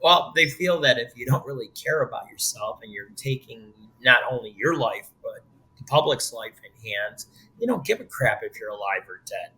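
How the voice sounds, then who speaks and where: A man hosts a casual podcast chat in a bright, forceful voice. He jokes and teases his way through the talk, loose and conversational. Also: mid-range voice, expressive, normal speed, low-quality recording. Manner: joking, teasing banter. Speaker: podcast host.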